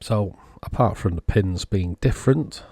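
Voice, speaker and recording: A man giving casual, unhurried technical commentary, thinking aloud as he inspects a circuit board. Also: on the low side, dark tone, husky, no room sound. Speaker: electronics repair vlogger.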